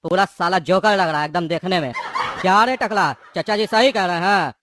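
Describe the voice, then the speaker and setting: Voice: medium pitch, fairly quick, fairly bright tone, slight background noise, close to an everyday voice. A performer voicing a menacing male thug prisoner who bullies and mocks his cellmates. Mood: mocking. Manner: bullying, mocking, threatening. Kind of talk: cartoon voice acting.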